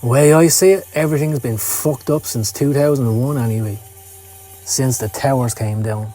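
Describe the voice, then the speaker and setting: A Scottish man with a warm, natural, mid-range voice speaks at a normal pace, voicing a cynical, down-at-heel occult hustler in a motion comic. His brooding first-person narration is sardonic, streetwise and foul-mouthed, with music playing beneath him.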